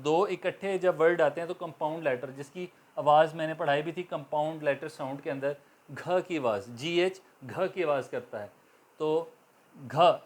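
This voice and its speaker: A man with a Pakistani accent teaching an English lesson, spelling words out letter by letter and checking in often with "okay". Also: a little high. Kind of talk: spoken lesson.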